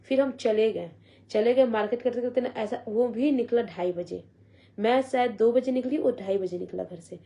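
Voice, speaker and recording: Young woman, mellow dark tone, soft halting personal vlog storytelling. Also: a little high, dull audio. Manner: soft, halting retelling with many quoted voices. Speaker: vlogger.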